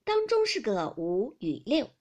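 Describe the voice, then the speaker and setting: A woman reading a bossy, lively young maid. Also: on the high side, unhurried, heavily acted. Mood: explaining. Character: lady's maid hosting a drinking game, bossy and lively. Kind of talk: audiobook character reading.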